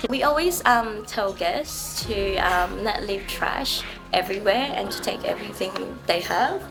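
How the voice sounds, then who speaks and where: A woman working as a photo host answers relaxed, filling her pauses with um and like. Her voice has a gravelly fry, and music plays clearly behind her. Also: medium pitch. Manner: relaxed, many fillers. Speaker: tour agency photo host. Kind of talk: interview answers.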